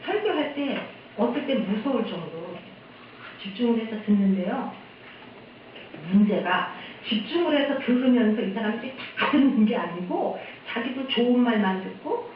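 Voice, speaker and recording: A woman's voice: on the high side, lively intonation, moderate pace, slight background noise. A woman missionary from Korea giving a candid, chatty testimony at a church service. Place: church sanctuary. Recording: echoey hall, distant dull mic.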